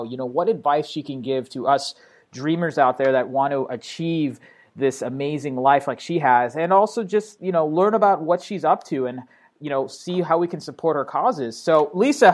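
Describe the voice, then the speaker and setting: A man's voice: fairly high pitch, moderate pace. A man hosting an interview podcast, upbeat and enthusiastic, talking loosely with fillers. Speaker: podcast host.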